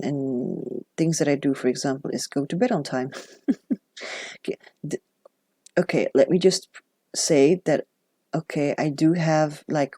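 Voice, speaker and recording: A chatty woman whose first language is Dutch speaks in a deep, warm voice, recorded dry and close with no room sound. She's a journaling vlogger in casual chat, reflective and given to self-deprecating asides.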